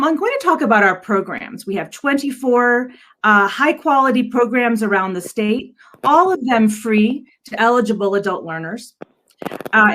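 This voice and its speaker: The audio is poor, but the woman's voice comes through fairly high and fairly bright. As an adult education director, she earnestly and somewhat hesitantly walks a virtual audience through slides on a video call.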